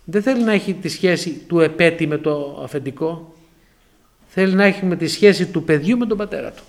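A man in his forties from Crete, preaching a sermon as he tells a personal testimony, acting out dialogue with lively exclamations. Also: on the high side. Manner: animated storytelling with acted-out dialogue and exclamations.

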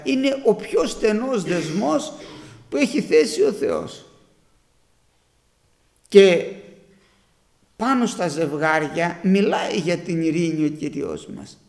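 A man preaching a sermon to his congregation, telling stories and raising his voice to a shout for emphasis. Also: sits high, creaky, long reverb tail. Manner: storytelling, rising to shouts for emphasis.

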